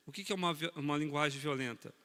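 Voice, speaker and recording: Man, preacher, animated sermon, raised voice, long hall reverb. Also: on the high side, racing, clear, resonant tone. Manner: animated, talks straight to the congregation, teasing. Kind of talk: sermon on marriage.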